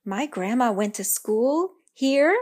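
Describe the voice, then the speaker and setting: A woman's voice: fairly high pitch, lively intonation, takes it slowly, a little mellow, voice pushed up. Woman doing an indignant little girl. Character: upset young girl, indignant and stubborn.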